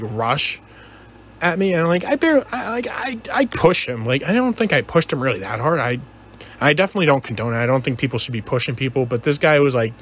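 Fairly high-pitched and bright, a man recounts a personal story as a gaming video narrator. His delivery is loose and conversational, full of hesitations, repeated bits, and quoted dialogue.

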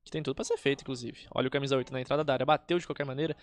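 A man's voice: mid-range voice, steady tone, racing, dry recording. A man with a Brazilian accent calling a football match live in an informal, colloquial way. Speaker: football play-by-play commentator.

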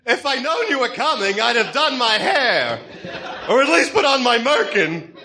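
A man voicing a manic, theatrical supervillain clown in a comic-book radio drama, with a shrill, cackling, gleefully mocking delivery. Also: big pitch swings, moderate pace, pushed and bright, full character voice. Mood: gleeful, taunting.

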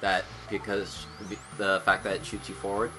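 A man's voice: sits low, normal speed. A man co-hosting a let's play, guiding his partner through the game with casual, joking commentary. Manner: guiding, lively, laughs often. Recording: music playing behind.

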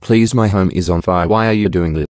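Man as a low-voiced brash young prince. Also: fairly quick, natural voice. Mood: brash, exclamatory. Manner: exclamatory, casual. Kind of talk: cartoon skit dialogue. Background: loud music.

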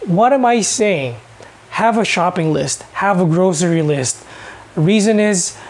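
A man's voice: sits high, darkish tone. A man in his thirties with a Filipino accent, talking earnestly to the camera as a personal finance vlogger and often checking in with "okay?". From Philippines. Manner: gestures with his hands while talking. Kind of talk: talking to camera, mixing English and Tagalog. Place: small indoor room, seated in front of a couch.

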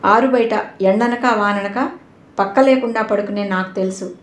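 A woman reader voicing a quiet, guarded young man in an audio novel. His replies are curt and low-key, at a middle pitch with a roomy echo around them. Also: moderate pace, lightly acted.

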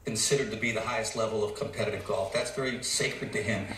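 A man's voice: fairly low pitch, steady tone, quick pace, fairly bright tone, recorded from a distance. Man in an echoey TV studio clip. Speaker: TV golf analyst. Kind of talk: broadcast studio commentary. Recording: echoey clip played from afar.

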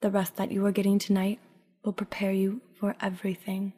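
A woman narrating a guided sleep meditation like a sleep story, calm, unhurried and soft-spoken, with breathy phrase endings. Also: medium pitch. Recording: long reverberant tail on voice.

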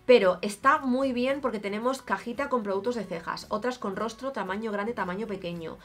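A woman in her thirties with a Spain Spanish accent vlogs about beauty, chatting casually and expressively to camera with strong opinions. Her medium-pitched voice is a little fast, with soft background music, in a small room at home.

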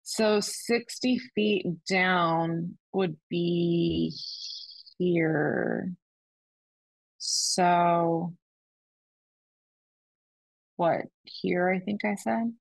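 A woman speaking slowly as she plays a tabletop game. She thinks aloud with plenty of fillers and sounds hesitant. The sound is dry and close. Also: fairly low pitch, gravelly, no room sound, low-quality recording. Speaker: player. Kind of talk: tabletop game play, casual.

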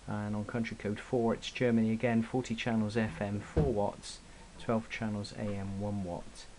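A man with a lowish, darkish voice that barely moves in pitch talks at normal speed while reviewing and demonstrating a product as a hobbyist. He sounds hesitant, informal and unscripted. It was recorded indoors on a camera mic, giving a hissy, noisy amateur result.

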